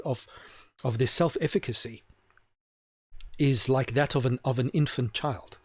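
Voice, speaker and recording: Animated, argumentative man lecturing on camera. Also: mid-range voice, no room sound. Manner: argumentative, rambling with restarts and rhetorical questions. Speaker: video host. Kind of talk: opinionated talking-head monologue.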